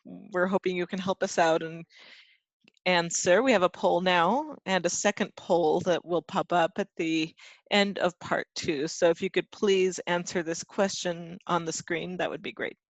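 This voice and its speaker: A conference interpreter giving a live translated voice-over of a webinar presenter, with a halting, self-correcting delivery. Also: mid-range voice, fairly even intonation, dry recording, lo-fi sound.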